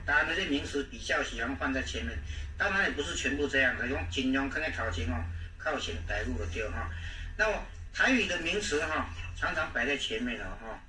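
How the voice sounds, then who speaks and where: A man with a Taiwanese accent teaching a language lesson, repeating words slowly and often trailing off with "ha" and "oh". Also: medium pitch, sharp tone. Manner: repetitive, drawn-out, frequent "ha, oh" fillers. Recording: echoey room, distant mic, faint noise.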